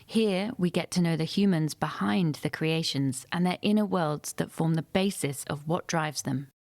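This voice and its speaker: A woman hosting a podcast, reading a scripted introduction and then interviewing a guest in a measured, thoughtful way. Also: deep voice, a little mellow, no echo. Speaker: podcast host.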